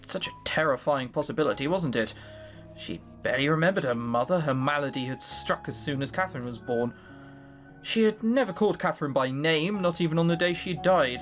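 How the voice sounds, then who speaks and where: Animated story narrator with irreverent asides. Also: medium pitch. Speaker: narrator voicing the characters. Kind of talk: reading a story aloud with ad-libbed comic asides. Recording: music behind the voice.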